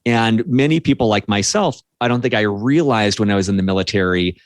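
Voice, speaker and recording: A man's voice: on the low side, a little fast, dry recording. A man hosting an interview podcast, a military veteran who speaks reflectively and searches for his words. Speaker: podcast host. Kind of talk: interview conversation.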